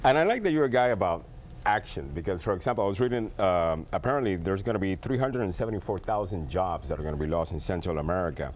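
A man's voice: sits low, lively intonation, fast talker, a little hiss or hum. A man in his thirties hosting a TV studio interview, asking friendly questions with many hesitations, on a lapel mic. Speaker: TV show host.

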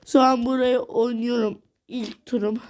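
A woman's voice: on the high side, flat delivery, a little slow, darkish tone. A woman vlogger giving casual commentary while she plays a game, exasperated and repeating her words over and over. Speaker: gaming vlogger.

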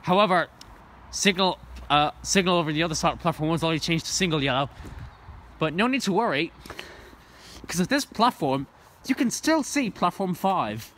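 A little hiss or hum sits under the fairly high, expressive and slightly bright voice of a young Irish trainspotting vlogger speaking at a moderate pace. Filming on a handheld phone at an outdoor station platform, he narrates casually and eagerly, rambling with lots of ums and restarts.

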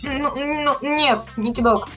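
Молодой мужчина лет двадцати по голосовой связи, упрашивает и повторяет одно и то же. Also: male voice, very high-pitched, takes it slowly. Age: 20s. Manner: pleading, repeating himself. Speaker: caller on voice chat. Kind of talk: pleading voice chat. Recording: loud game music over voice.

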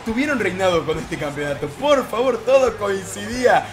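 A young man giving excitable let's-play commentary, shouting play-by-play calls. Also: high voice, moderate pace. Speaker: gaming YouTuber.

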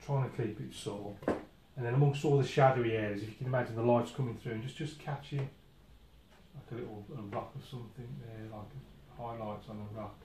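A man teaching watercolour casually demonstrates at an easel in an indoor studio, musing out loud with many false starts. He speaks briskly in a mid-range voice with fairly even intonation, recorded in an echoey room where background noise is clearly audible.

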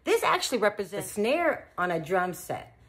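A woman teaching children beatboxing in an animated, encouraging way, full of praise. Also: medium pitch, normal speed, faint music behind. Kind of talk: children's tutorial.

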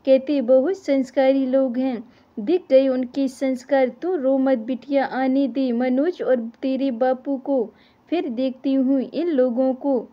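A woman voicing a quick-tempered older mother who scolds and taunts. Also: high-pitched, fairly even intonation, lo-fi sound. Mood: indignant.

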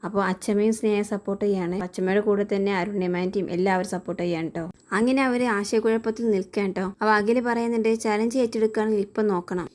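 Fast-talking woman recapping a serial. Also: medium pitch, dark tone. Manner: brisk running recap, reading the characters' dialogue in her own voice. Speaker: serial review host. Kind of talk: casual retelling of a TV serial episode.

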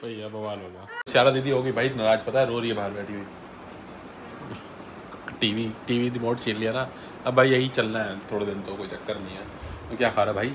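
A man's voice: fairly low pitch, fairly even intonation, fairly quick, pauses often. A young man casually vlogging at home, chatting and teasing his family's kids. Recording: noisy home phone recording.

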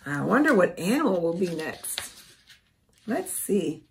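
A woman in her forties reading a storybook aloud to young children as a teacher, expressive and careful. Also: fairly low pitch, unhurried, a little hiss or hum. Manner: expressive, careful, asks the listener questions.

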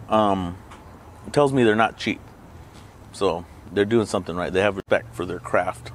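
A man's voice: on the low side, slight background noise. A man hosting a casual food review vlog, rambling and joking as he eats. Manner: rambling, joking asides while eating. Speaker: burrito reviewer and channel host.

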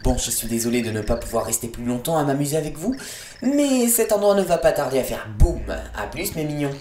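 A man's voice: a little high, lively intonation, brisk, a little mellow, slight background noise, voice pushed up, lightly acted. Brief: taunting female game villain, read by a male player, sneering, roomy sound. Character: mocking female villain, shape-shifting trickster. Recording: echoey room with faint game music.

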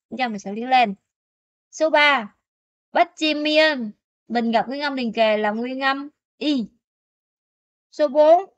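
Female teacher, slightly high voice, dry close sound, walks students through pronunciation with frequent check-ins. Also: no room sound. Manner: keeps checking in with students with quick questions. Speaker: Korean language teacher. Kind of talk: explaining pronunciation rules in a lesson.

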